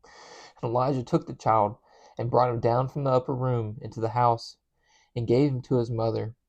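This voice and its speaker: A man's voice: mid-range voice, little pitch movement, moderate pace, a little mellow, muffled recording. Earnest man reading scripture aloud. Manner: earnest, stumbles and restarts on names. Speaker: scripture reader.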